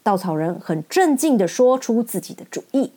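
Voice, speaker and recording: A woman storyteller narrating a children's story in a gentle, expressive read-aloud style. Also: a little high, moderate pace.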